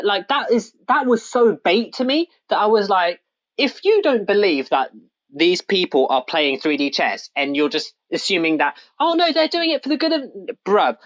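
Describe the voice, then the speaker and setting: Low-voiced woman, slangy and lively. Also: dull audio. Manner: slangy, animated, says "bruv" a lot. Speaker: podcast co-host. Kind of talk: casual chat.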